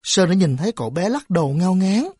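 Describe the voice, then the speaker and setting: Audiobook narrator: a woman, low and dark, measured reading. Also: lively intonation, slightly rough, no echo, studio quality. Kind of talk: scripted narration.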